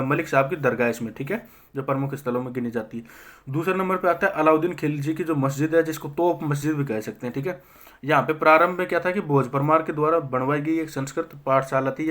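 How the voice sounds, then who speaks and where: A young man teaching a history lesson for exam prep. He asks himself quick questions, answers them, and keeps checking in with his listeners. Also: fairly high pitch.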